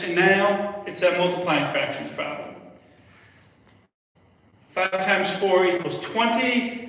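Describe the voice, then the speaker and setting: A man's voice: high voice, pushed and bright. A young man giving a casual, step-by-step math lesson on a livestream, repeating himself as he explains. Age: young adult. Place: indoor room with whiteboard in a public library. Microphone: phone camera a step away. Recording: echoey room, distant microphone.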